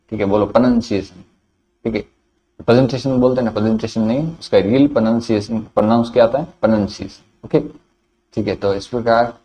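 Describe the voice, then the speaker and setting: A man's voice: fairly low pitch, mellow, highs cut off. A man with a Hindi accent teaching English vocabulary in a classroom lecture, repeating each word and answering his own questions.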